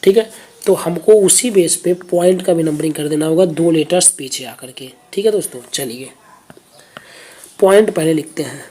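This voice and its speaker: A woman's voice: sits low, moderate pace, dark tone, husky. A woman teaching reasoning, patiently explaining exam questions step by step and checking in with her viewers.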